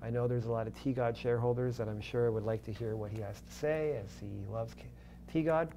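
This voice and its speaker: A man's voice: medium pitch, steady tone, warm tone. A man co-hosts a live investing stream and builds up his announcements with dramatic, promotional flair. His voice sits in a middle range. Faint room noise sits behind him. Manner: upbeat, promotional, dramatic pauses. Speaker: co-host. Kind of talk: casual announcement.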